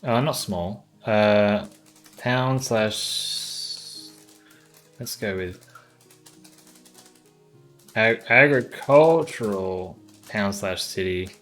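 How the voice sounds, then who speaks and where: Man, low voice, slow unhurried speech, hesitant, casual livestream, faint music behind. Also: a bit bright. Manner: hesitant, thinking aloud with many ums. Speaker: streamer.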